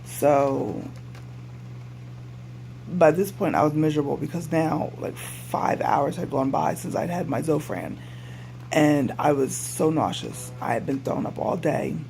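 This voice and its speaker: Weary post-surgery man, gravelly, higher-pitched voice. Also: a little slow, darkish tone. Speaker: patient vlogger. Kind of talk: casual personal update to camera. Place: hospital room. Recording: noisy room recording with hum.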